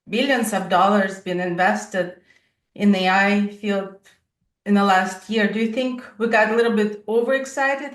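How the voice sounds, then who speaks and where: A woman's voice: on the high side, far from the mic. A woman hosting an interview, asking curious, friendly questions. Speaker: podcast host. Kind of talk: interview conversation. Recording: roomy echo, a bit off-mic.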